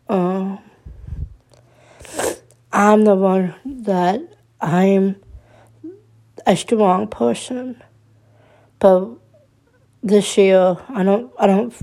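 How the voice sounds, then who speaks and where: A young woman in her twenties opens up in a subdued personal monologue. Her voice is dark and gravelly, and her delivery stays slow and flat. She stumbles, restarts and repeats words as she talks. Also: mid-range voice. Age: 20s. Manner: subdued and troubled.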